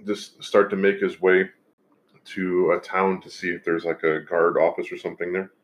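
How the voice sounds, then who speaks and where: Low-voiced, hesitant male tabletop player. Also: level tone, normal speed, a little hiss or hum. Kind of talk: casual, hesitant game planning.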